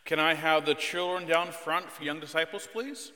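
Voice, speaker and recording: A man's voice: fairly high pitch, steady tone, normal speed, bright, forceful tone. A man serving as pastor, reading scripture and then talking playfully with a child in a church sanctuary. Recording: long church reverb.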